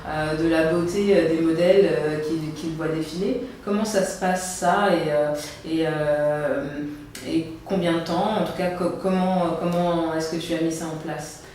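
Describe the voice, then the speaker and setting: A woman interviewer with a lowish voice asks long, hesitant questions full of fillers. She sounds far from the mic in a very echoey room. Faint noise lingers underneath. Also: steady tone, a little slow, a little mellow.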